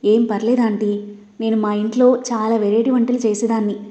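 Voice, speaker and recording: A woman voicing a kind, gentle young wife who speaks softly and earnestly. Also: fairly high pitch, flat delivery, fairly quick, lightly acted. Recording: roomy, dull lo-fi.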